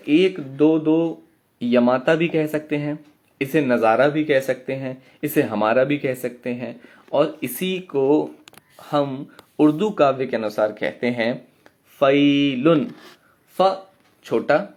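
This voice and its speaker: A man teaching a poetry workshop, chanting syllables and beat counts in a drawn-out way. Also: mid-range voice. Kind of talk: online lesson.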